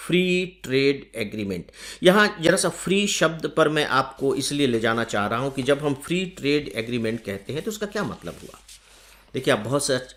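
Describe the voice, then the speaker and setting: A man from India gives an exam-prep lecture in a mid-pitched voice. He explains step by step, asks rhetorical questions and slows down to stress key terms. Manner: lively emphasis, slowing down on key terms. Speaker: teacher.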